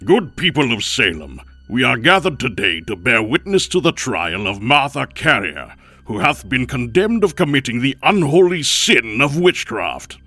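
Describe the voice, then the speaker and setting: A man's voice: medium pitch, sing-song, normal speed, pushed and bright, no echo, faint music behind. A man playing a stern colonial judge at a witch trial in a radio drama, proclaiming in a formal, commanding way.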